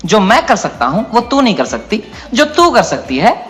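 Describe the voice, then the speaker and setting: Animated male stand-up comic on stage. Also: moderate pace. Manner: animated, swings between mock-solemn low voice and loud excited outbursts. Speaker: stand-up comedian. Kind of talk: stand-up storytelling. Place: comedy stage before a live audience. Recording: live club with loud music and crowd laughter. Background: audience laughter and music.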